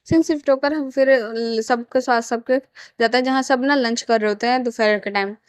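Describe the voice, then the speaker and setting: A woman's voice: a little high, steady tone, normal speed, clean tone, no room sound, studio quality. A woman casually retelling a romance fan story, talking plainly and often restarting her sentences.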